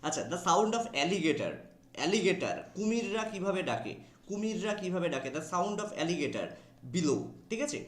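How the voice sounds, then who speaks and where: A Bengali-accented man teaches an online exam class in a slightly high voice. He stretches out English words and spells them letter by letter. The sound carries a roomy echo. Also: big pitch swings. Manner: drawls key English words slowly, spells them out letter by letter, asks "ঠিক আছে?" often.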